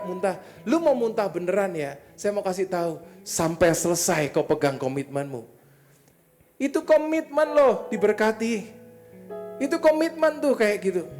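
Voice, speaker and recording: A man preaching a sermon, telling a story with lively acted-out sounds and speaking straight to his congregation. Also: high-pitched. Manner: warm direct appeals to the congregation. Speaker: pastor. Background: soft guitar playing.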